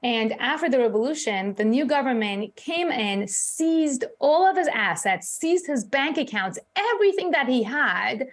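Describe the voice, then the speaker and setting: A woman's voice: high-pitched, lively intonation, unhurried, hardly any pauses. A middle-aged woman born in Iran, a crypto author and CEO, answering in a live news interview in a chatty way, with lots of fillers.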